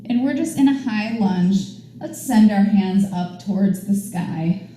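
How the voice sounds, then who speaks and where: A woman's voice: medium pitch, animated, unhurried, warm tone, very echoey, a little hiss or hum, rough recording. A woman teaching a yoga class, guiding poses with upbeat, chatty encouragement. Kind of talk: guided yoga class instruction. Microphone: camera mic at a distance.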